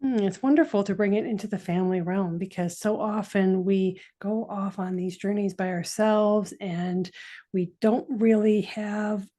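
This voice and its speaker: A woman hosts a podcast and asks her guest thoughtful questions. She talks gently and reflectively, pausing now and then. Her voice sits at an everyday pitch for a woman. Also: fairly even intonation. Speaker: podcast host. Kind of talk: interview questions.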